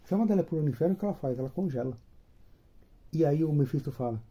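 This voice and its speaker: Husky, dark-voiced man retelling a comic. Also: on the high side, very fast. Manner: chatty, constant tag questions, animated storytelling. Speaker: comic book reviewer. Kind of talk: casual retelling of a comic story.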